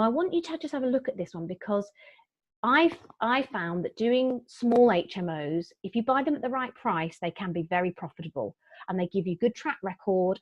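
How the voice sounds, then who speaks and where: A woman's voice: lowish voice, no echo. A middle-aged woman presenting a property investment webinar in a chatty, upbeat way. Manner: chatty, upbeat, with frequent fillers and restarts. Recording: dull, dry lo-fi webinar audio.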